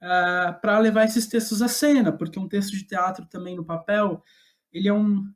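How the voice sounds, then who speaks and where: A Brazilian playwright, appearing as an interview guest, talks about his own working life in a high, steady voice at normal speed. He's casual and conversational, self-deprecating, and tends to chuckle as he speaks.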